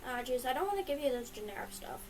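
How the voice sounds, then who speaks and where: A woman's voice: sits high, lively intonation, quick pace, slight background noise, low-quality recording. A young woman streamer chatting casually and giving advice, rambling with lots of ums and little giggles. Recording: clear background music. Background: music.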